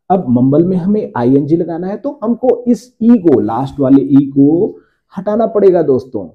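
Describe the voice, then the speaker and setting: Lively male grammar teacher, lo-fi sound. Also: mid-range voice. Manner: lively teacher, slows down to repeat example sentences. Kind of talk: Hindi-language grammar lesson.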